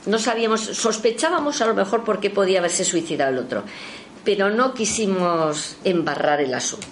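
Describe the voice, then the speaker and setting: A woman telling a spiritualist story in a casual spoken anecdote, her voice leaping in pitch when she quotes others. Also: animated, a little fast, slight background noise. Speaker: storyteller recounting a spiritualist session.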